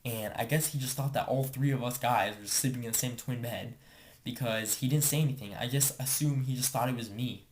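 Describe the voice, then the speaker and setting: A man's voice: medium pitch, fairly quick, a little hiss or hum. Young man rambling through a story. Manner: rambling, filler-heavy with constant "like". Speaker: vlogger telling a story. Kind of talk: casual storytelling.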